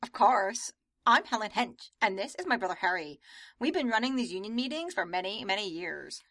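A woman playing a brisk, procedural female organizer of a henchmen's union in a comedic audio drama. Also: mid-range voice, lively intonation, a bit bright, no room sound. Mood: businesslike. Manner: businesslike and procedural.

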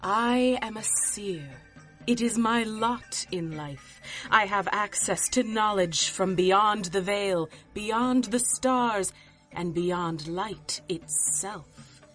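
An actress playing an imperious, curt mystic seer in an audio drama, with a haughty, theatrical and deadpan delivery. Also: female voice, mid-range voice, slow, faint music behind. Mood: solemn, mystical.

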